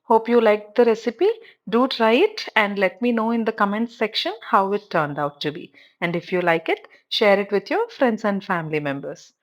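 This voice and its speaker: A woman's voice: mid-range voice, lively intonation, normal speed, dull audio. A woman with a South Indian accent narrating a cooking tutorial as host, giving step-by-step instructions and often prompting the viewer to look.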